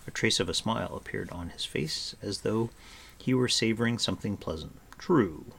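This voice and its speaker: Man, audiobook narrator, measured expressive reading, low, gravelly, husky. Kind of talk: scripted storybook narration.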